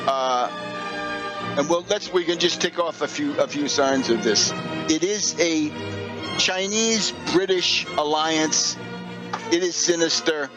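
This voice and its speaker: This American political commentator hosts a radio show, reading material aloud and remarking on it in an emphatic, opinionated, sardonic way. His voice is a little high and fairly bright in tone. There's no echo on the recording.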